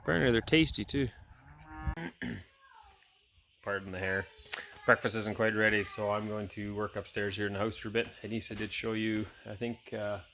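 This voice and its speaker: A man's voice: on the low side, flat delivery, normal speed, bright, forceful tone, a little hiss or hum. Chatty man vlogging around his farm. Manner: chatty, rambling with many "uh" fillers. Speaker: homesteader vlogger. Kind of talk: casual vlog to camera. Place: outdoors on a farm, then indoors in a house. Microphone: handheld camera.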